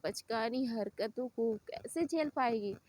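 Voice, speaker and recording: Female storyteller, high voice, casual and chatty retelling. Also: takes it slowly, darkish tone.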